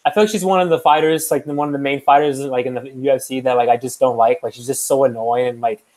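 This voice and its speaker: A young man talks fight picks in a casual, rambling way, circling back on himself and filling pauses with "um" and "you know". His voice sits at an ordinary middle pitch for a man. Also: steady tone, a little mellow, poor audio. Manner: rambling, with many fillers and restarts. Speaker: podcast co-host making fight picks. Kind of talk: casual chat.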